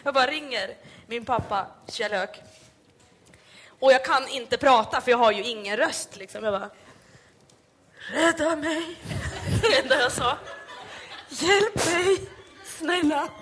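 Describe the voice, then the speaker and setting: A woman's voice: a little high, a bit bright. A young woman from Sweden with a Hälsingland accent, hosting a live podcast and telling a comic story full of fillers. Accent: Hälsingland Swedish. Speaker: podcast host. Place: live event stage.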